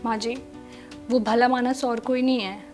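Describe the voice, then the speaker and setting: An actress playing a kind young daughter-in-law who tries to calm her mother-in-law and defends the maid. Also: a little high, a little slow, lightly acted. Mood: pleading. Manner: soothing, pleading, later indignant. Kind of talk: short film acting. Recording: dialogue with loud background music.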